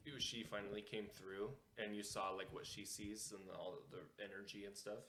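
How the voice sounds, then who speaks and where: A man's voice: lowish voice, level tone, brisk, a bit bright, a little hiss or hum. A man co-hosting a casual gaming podcast, upbeat as he explains comic lore. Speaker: podcast co-host. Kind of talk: casual chat.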